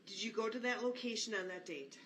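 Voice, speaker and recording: A woman's voice: a little high, expressive, brisk. A woman prosecutor questioning a witness formally and methodically. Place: courtroom. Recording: echoey courtroom, distant mic, faint noise.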